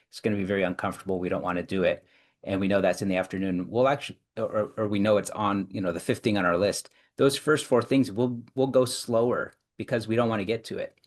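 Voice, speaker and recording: A man, a psychologist and coach, explaining ideas in long, measured answers with frequent restarts. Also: lowish voice. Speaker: clinical psychologist and executive coach, guest. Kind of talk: explanatory interview talk.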